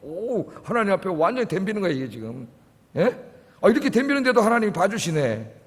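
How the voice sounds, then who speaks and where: Male pastor, high-pitched, preaches emphatically with dramatic quotes; reverberant sanctuary. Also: big pitch swings, a little fast. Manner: emphatic preaching, quoting God and Jonah with rising intensity. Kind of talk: sermon. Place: church sanctuary. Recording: long reverb of a church hall.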